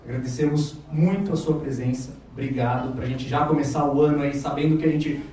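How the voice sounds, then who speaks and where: A man hosting a live event gives polite, thankful closing remarks, a little halting, in an event hall. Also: mid-range voice, fairly even intonation, warm tone, a little hiss or hum. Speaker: event host. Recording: very echoey hall, distant mic.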